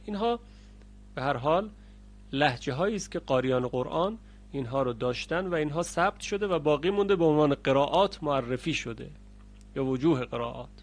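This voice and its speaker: A male recitation teacher with a somewhat high voice gives a lesson in plain explanatory speech. He speaks directly to his learners. He often breaks into slow, loud, chanted readings of the words he is teaching. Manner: explains rules, then chants the example words slowly and loudly. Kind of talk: recorded lesson on Quranic readings.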